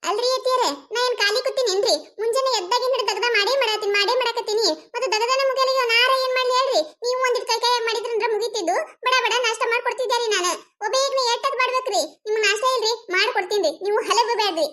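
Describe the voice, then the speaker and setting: A woman voicing a sharp-tongued young daughter-in-law in a cartoon comedy, with a North Karnataka Kannada accent and a squeaky cartoon voice. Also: rapid-fire, few pauses. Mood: complaining. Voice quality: high squeaky cartoon voice, retorting and complaining.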